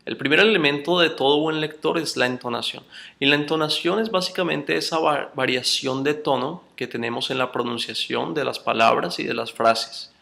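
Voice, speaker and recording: Male instructor with a bright, gravelly voice, teaching patiently and calling his students brothers. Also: mid-range voice. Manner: addresses students as brothers, explains slowly with spoken examples. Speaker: course instructor. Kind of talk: recorded online lecture.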